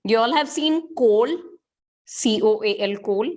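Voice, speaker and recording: A woman's voice: a little high, unhurried, a little mellow. A middle-aged woman with an Indian accent teaching chemistry in an interactive online class, asking questions and repeating key points. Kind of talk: interactive online school lesson.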